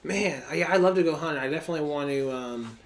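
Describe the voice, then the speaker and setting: A man in his thirties hosting a podcast, chatty and eager, reacting quickly and laughing often. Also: fairly high pitch, a little hiss or hum. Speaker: podcast host. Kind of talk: casual interview chat. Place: podcast studio.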